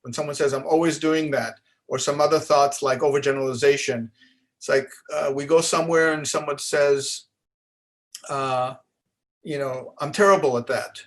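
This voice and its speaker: Lecturer, male, slightly high pitch; relaxed talk peppered with fillers and restarts. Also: moderate pace. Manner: conversational, frequent "right?" asides; restarts and filler "uh"s while explaining. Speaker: psychologist speaker. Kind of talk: conference lecture.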